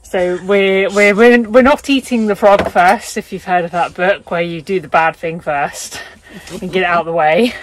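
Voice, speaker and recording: A woman in her thirties chatting casually to a handheld phone camera inside a small camper van at night, self-mocking and quick to laugh. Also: fairly low pitch, steady tone, a little hiss or hum. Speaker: vlogger. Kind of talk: casual vlog chat. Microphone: handheld phone camera at arm's length.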